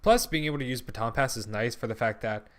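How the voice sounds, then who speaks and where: A man's voice: medium pitch, fast talker, fairly bright tone. A young man in casual gaming commentary, thinking aloud with lots of ums, frequent swearing and restarted sentences. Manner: rambling, drops and restarts sentences. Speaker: channel host.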